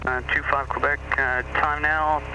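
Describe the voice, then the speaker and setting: A male air traffic controller giving clearances over a broken-up aircraft radio. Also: fairly high pitch, flat delivery, unhurried. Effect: aircraft radio transmission. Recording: very noisy, broken-up aviation radio.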